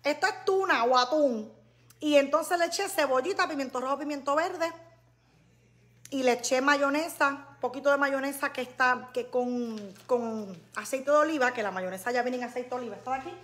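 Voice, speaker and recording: Chatty high-voiced woman. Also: moderate pace. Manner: chatty, lively, addresses viewers as nena. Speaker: live-stream host. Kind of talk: casual live-stream chat with viewers.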